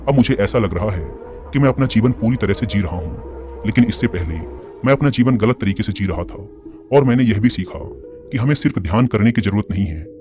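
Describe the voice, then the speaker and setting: A man's voice: fairly low pitch, natural voice. A man voicing a young prince who speaks in an earnest, reflective way. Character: remorseful young male prince. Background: music.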